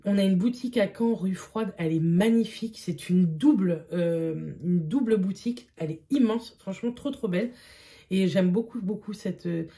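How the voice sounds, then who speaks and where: A woman's voice: medium pitch, dark tone. A young woman chatting casually as a beauty vlogger, with frequent fillers and repeated words. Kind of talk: casual vlog chat.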